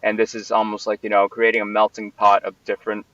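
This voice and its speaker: Through a distant, dull, lo-fi mic, a venue owner from Puerto Rico gives rambling interview answers packed with fillers and false starts. He talks quickly in a fairly low monotone that's a bit bright, and the recording is dry.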